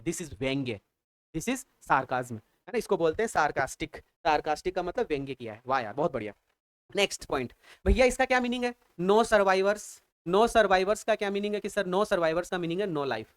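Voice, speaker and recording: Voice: mid-range voice, dry recording. Enthusiastic teacher translating every line. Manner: repeats and translates every phrase, rhetorical questions, enthusiastic exclamations. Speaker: English teacher. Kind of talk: bilingual line-by-line poem explanation.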